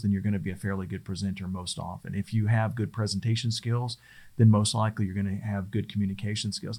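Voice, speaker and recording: Man, middle-aged, slightly low voice, casual spoken lesson, rambling, restarts phrases. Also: creaky, a little mellow, slightly rough. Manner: conversational, loose and rambling, often restarts phrases. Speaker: presentation skills trainer.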